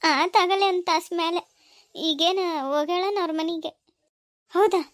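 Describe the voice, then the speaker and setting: A woman's voice: extremely high pitch, steady tone, unhurried, no echo, studio quality. A woman with a North Karnataka Kannada accent playing an anxious village mother in a family comedy-drama, talking in an emotional, pleading and scolding way.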